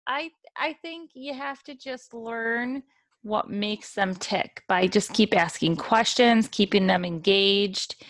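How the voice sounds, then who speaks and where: A woman's voice: medium pitch, fairly bright tone, no room sound, clean studio sound. A woman who works as a dental assistant, co-hosting a casual chat and giving advice with wry jokes. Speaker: dental assistant, podcast co-host.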